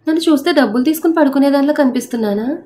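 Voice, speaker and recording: A woman's voice: sits high, racing, dark tone, slight background noise, voice pushed up, natural voice. A woman storyteller voicing a frightened but defiant, devout young woman who pleads and prays aloud. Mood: tearful pleading.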